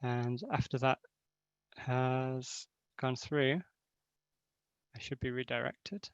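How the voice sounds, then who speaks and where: A man giving a casual software demo over a video call while sharing his screen, with many filler words. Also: medium pitch, little pitch movement, takes it slowly, clear, resonant tone, no echo. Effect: voice heard over a video call while sharing his screen. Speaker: hackathon team member giving a demo. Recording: dull, dry video call audio.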